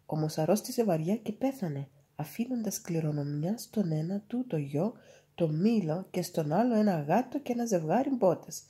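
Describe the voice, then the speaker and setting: A woman reading a fairy tale aloud in a calm, measured storytelling manner. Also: lowish voice.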